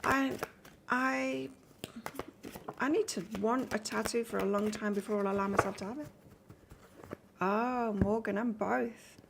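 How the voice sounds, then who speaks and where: Gravelly-voiced woman with mixed English-Australian accent. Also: fairly high pitch, fairly even intonation, measured pace, long pauses, background noise. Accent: mix of northern English and Australian. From north of England. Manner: chatty, rambling, chats with viewers between cards. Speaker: tarot reader. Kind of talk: live-stream tarot reading, casual chat.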